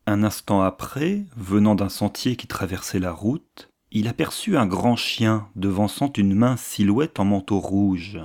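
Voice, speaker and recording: With a low-pitched voice, this man narrates a classic novel for an audiobook. He holds a calm, even delivery throughout, moving at a deliberate, literary pace.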